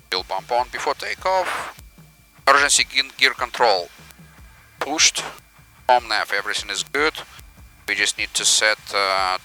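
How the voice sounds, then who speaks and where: Guy, pilot on headset explaining cockpit checks, lowish sharp voice, light music behind. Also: poor audio. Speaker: pilot and flight reviewer. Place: cockpit of a small airplane. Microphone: aviation headset in cockpit.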